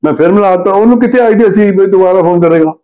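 A man's voice: high voice, fast talker, dark tone. An older man tells a comic story, acting out both sides of a phone call in different voices. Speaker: joke teller. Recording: dull lo-fi recording.

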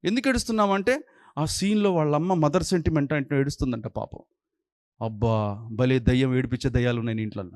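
A man preaching a sermon as pastor, scolding his listeners with rapid-fire rhetorical questions. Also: medium pitch, darkish tone, dry recording, studio quality.

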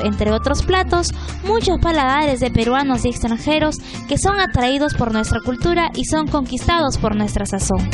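A woman reporter reading a scripted news feature narration in a smooth, even delivery. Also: high voice. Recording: background music under voice-over.

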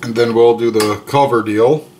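A man's voice: mid-range voice, steady tone, a little mellow, a little hiss or hum. A man in his thirties hosting a casual home cooking video, talking in an easygoing, jokey way while he cooks and tastes. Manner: slow, easygoing, jokey, chews between remarks. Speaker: cooking vlog host. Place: home kitchen and dining room, indoors.

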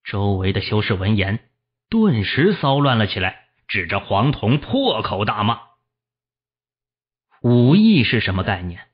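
A man reads a fantasy novel aloud as an audiobook narrator, telling the story steadily. His voice is low and somewhat husky, and the recording sounds dull and lo-fi. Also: unhurried. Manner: steady storytelling, voicing the characters.

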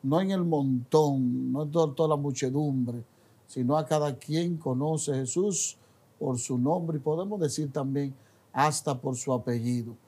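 A man with a slightly husky voice speaks on a religious television program. His tone is warm and mellow, and his delivery is slow. He addresses the listener directly in a gentle, reassuring way. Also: fairly high pitch. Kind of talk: preaching-style reflection.

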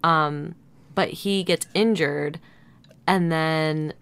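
Casting: woman, low clear voice, casual conversational podcast chat. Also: steady tone, drawn-out words, a bit bright. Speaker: podcast co-host.

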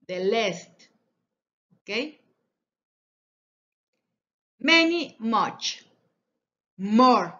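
A woman teaching an English lesson, speaking deliberately and repeating each example sentence. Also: mid-range voice, a bit bright. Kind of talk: recorded classroom lesson. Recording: dull lo-fi audio.

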